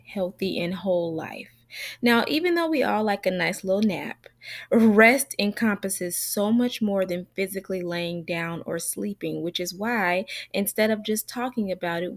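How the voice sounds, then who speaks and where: A woman's voice: lowish voice, no echo, clean studio sound. A woman hosting a solo podcast, speaking to listeners directly in an earnest, encouraging way. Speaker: podcast host.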